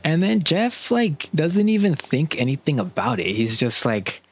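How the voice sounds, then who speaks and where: A man's voice: on the high side, sing-song, measured pace, breathy edge. A young man casually recounting a work story, rambling with lots of "like" and restarts, sounding bewildered. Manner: rambling, heavy use of "like", restarts; exasperated, bewildered retelling.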